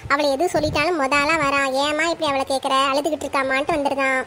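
A very high, rapid voice of a scolding cartoon mother-in-law, acted by a woman. She grumbles and gives orders nonstop in Tirunelveli Tamil. A faint noise sits under the recording. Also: little pitch movement, sharp tone. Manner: nagging, complaining, bossy. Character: scolding middle-aged mother-in-law Sornam, strict and grumbling.

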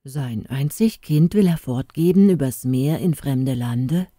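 A woman voicing a huge, tender young mountain man who speaks low and softly hushed. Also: a little slow, no echo, studio quality.

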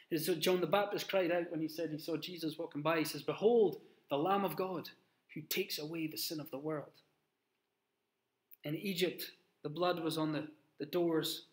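A man in his thirties preaches a sermon in a small plain room and speaks into a webcam on his desk. His slightly high voice is earnest and emphatic, and he pauses and restarts as he goes.

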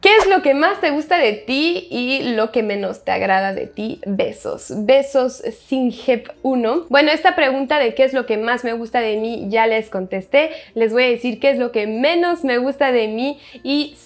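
A woman's voice: a little high, animated, moderate pace, few pauses. A French woman in her twenties, a native French speaker, chatting casually in a Q&A vlog and reading out viewer questions. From France. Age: 20s. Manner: chatty and self-deprecating, reads viewer questions aloud. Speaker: YouTube vlogger.

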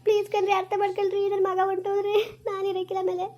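A woman acting as a desperate young village mother, tearful and begging. Her voice runs very high and quick, with the pleas tumbling over one another in this homemade skit. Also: monotone, mellow, muffled recording. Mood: pleading.

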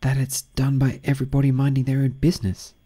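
A man's voice: medium pitch, completely flat delivery, fast, mellow, voice pushed up, lightly acted. A man voicing a polite, curious young girl who speaks earnestly in a lightly raised voice. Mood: musing, polite.

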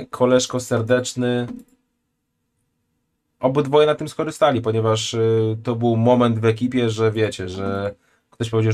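A man's voice: mid-range voice, a little mellow. A man in his thirties, streaming from a home room, reacting bluntly and crudely in casual chat and reading donations aloud. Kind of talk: casual live-stream commentary.

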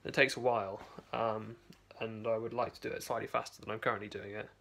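Young male vlogger, gravelly, hesitant and rambling, phone held close in a basement. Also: fairly low pitch, little pitch movement, quick pace, a bit bright. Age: young adult. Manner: rambling, hesitant, many restarts. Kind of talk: casual video diary. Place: home basement, indoors. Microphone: phone camera held close.

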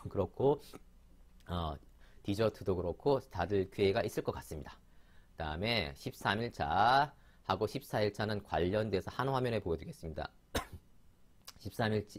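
A man giving a chatty vocabulary lesson, often pausing with fillers and correcting himself. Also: lowish voice. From Korea. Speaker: English vocabulary teacher.

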